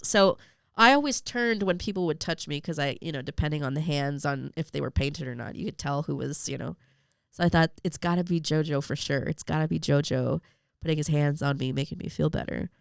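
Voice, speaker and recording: A woman's voice: low voice, gravelly, smooth, dry recording, clean studio sound. Young woman telling an emotional story. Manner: emotional storytelling with many fillers. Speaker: podcast guest. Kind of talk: personal faith story in an interview.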